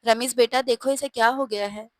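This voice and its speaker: A woman voicing a caring middle-aged mother figure in a storybook who speaks in a gentle, coaxing way. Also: fairly high pitch, steady tone, fairly quick, no echo, natural voice. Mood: concerned.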